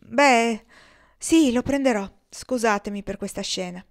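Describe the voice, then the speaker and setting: A woman's voice: medium pitch, fairly even intonation, moderate pace, vocal fry, fairly bright tone. A woman reading an audiobook aloud, voicing a proud young woman who is close to tears, with a raised, emotional delivery. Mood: composed.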